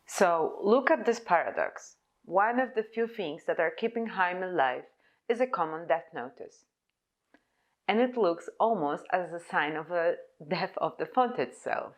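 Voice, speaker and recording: A young woman whose first language is Polish walks a conference through her own type design in English. The voice is a little low and animated, the delivery deliberate and measured, much like someone reading from prepared notes.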